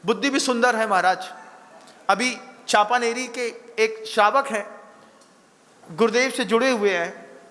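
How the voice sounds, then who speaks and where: A man's voice: very high voice, unhurried, pauses often, sharp tone, big-room sound. A man, a Jain monk, giving a sermon to his listeners, telling stories, acting out dialogue and asking them questions. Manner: acts out quoted dialogue, asks the audience questions. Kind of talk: sermon with storytelling.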